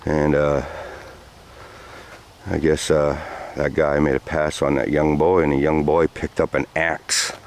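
Very deep-voiced man rambling outdoors. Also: little pitch movement, measured pace. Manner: rambling, loose with many fillers. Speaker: vlogger. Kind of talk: walking storytelling vlog. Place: outdoors on sandy trails by woods. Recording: faint outdoor noise.

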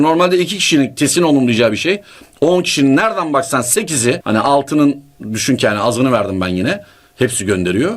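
Man, political commentator, slightly high voice, emphatic and explanatory. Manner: emphatic, rhetorical questions, sudden pitch jumps; explains step by step with numbers. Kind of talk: online political commentary monologue.

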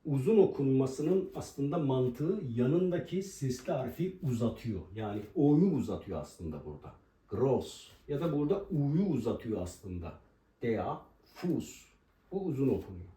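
A man teaching a language lesson at a board, explaining pronunciation and slowly repeating each example word. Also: mid-range voice, sing-song, warm tone. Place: room with a writing board. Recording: roomy echo, voice from a distance.

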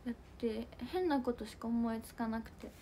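A young woman chats with her viewers on a livestream, reacting to their comments with giggles. Her voice sits high and lively. A faint noise hums under the home mic. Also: normal speed. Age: young adult. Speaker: idol livestream host. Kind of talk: casual livestream chat reading comments.

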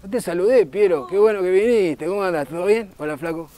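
A man's voice: high voice, brisk, warm tone, voice pushed down, close to an everyday voice. A man voicing a cheeky male puppet with a Rioplatense Argentine accent, greeting a crowd with crude, teasing banter.

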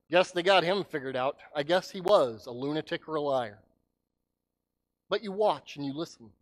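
A man preaching a sermon as pastor, telling a story dramatically and swinging from loud cries to hushed words. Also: a little high, expressive, normal speed.

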